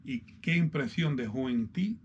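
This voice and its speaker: A Cuban-accented male host asks his guest questions in a thoughtful, unhurried way. He sounds set back from the mic, with muffled, lo-fi sound and a faint hum of background noise. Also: medium pitch, lively intonation, recorded from a distance. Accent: Cuban Spanish. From Cuba. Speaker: host, interviewer. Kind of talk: interview questions.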